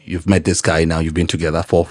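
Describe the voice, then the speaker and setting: A man hosting a podcast interview, measured and murmuring agreement as his guest talks. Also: deep voice, little pitch movement, dry recording. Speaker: podcast host. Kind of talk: casual interview.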